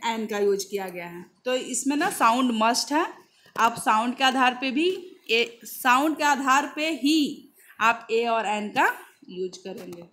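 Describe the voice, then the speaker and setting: A woman teaching English grammar in Hindi, who reads English examples slowly and keeps checking "है ना". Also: a little high, a bit bright.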